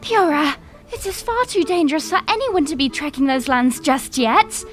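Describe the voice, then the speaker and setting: A woman's voice: high-pitched, animated, normal speed. A woman playing a young princess in an audio drama, speaking formally and earnestly as a solemn, resolute leader. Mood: firm, worried. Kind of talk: fan audio drama acting, formal oratory.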